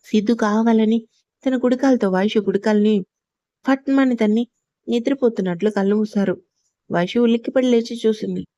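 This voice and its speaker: A woman narrates a serialized romance audio story, reading expressively and taking on voices for the characters. Her voice is fairly high but warm and mellow, recorded close on a dry home mic. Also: moderate pace, no room sound, dull audio.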